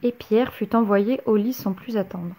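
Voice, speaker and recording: A woman reading a children's picture book aloud, gentle and expressive. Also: mid-range voice, moderate pace. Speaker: storyteller.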